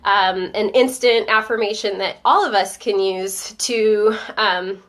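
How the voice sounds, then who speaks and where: A woman's voice: medium pitch, steady tone, takes it slowly, a bit bright. A woman with a stuffy head cold hosting a live stream, chatting upbeat with viewers and reading out their comments. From Northern Virginia. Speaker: host of a live-streamed show. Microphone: webcam or phone on a live stream.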